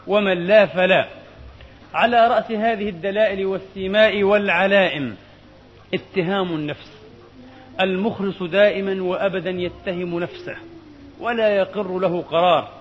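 A man preaching a sermon in formal classical style, measured and emphatic, often repeating a phrase for weight. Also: sits high. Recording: dull audio with long hall reverb.

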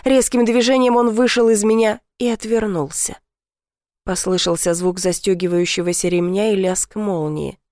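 A woman narrating a first-person romance novel in an intimate, measured reading. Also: medium pitch, fairly even intonation, darkish tone, no room sound, studio quality. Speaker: audiobook narrator.

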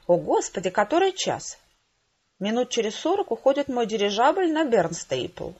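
A woman reading an audiobook who voices a brisk, chummy female PR agent with breezy, theatrical, playfully condescending talk. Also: fairly high pitch, very animated, a little mellow, highs cut off, pitched above the performer's own voice.

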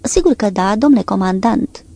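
A woman's voice: mid-range voice, expressive, vocal fry, mellow, no room sound. A woman narrator voicing a loyal, plain-spoken male sailor who eagerly looks after his commander.

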